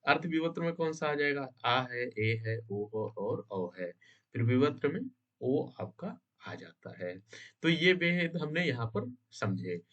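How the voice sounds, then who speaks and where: Man teaching, quizzing his class. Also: medium pitch. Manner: asks rhetorical questions and answers them; checks in with "है ना?" and "समझे?". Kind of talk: exam-prep grammar lesson. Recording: dull lo-fi sound.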